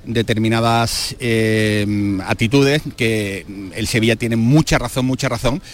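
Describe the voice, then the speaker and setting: A man with a mid-range voice and a slightly slow pace gives a live radio sports report from an outdoor square full of fans. He's chatty, often restarting and using plenty of filler sounds.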